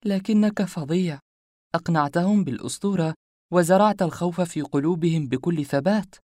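A man's voice: high-pitched, a little fast, darkish tone, no room sound, clean studio sound, voice pushed up, natural voice. A man reading an audiobook, voicing a charming, playful young woman in a lighter, lifted voice. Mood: teasing. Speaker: life coach character.

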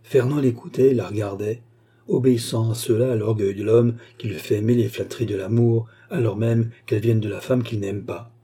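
A man narrating a classic novel as an audiobook, reading in a measured, expressive way. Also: lowish voice, husky. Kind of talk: scripted narration.

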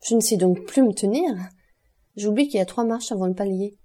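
A woman voicing an anxious, feverish young woman in an audiobook, speaking quickly with forced lightness. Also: medium pitch, mellow, natural voice. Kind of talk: audiobook reading.

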